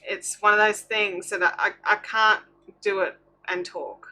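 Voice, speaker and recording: A woman's voice: medium pitch, fairly even intonation, a little slow, pushed and bright, a little hiss or hum, rough recording. A woman hosting a casual craft livestream, chatting informally and thinking aloud in a scattered, self-interrupting way.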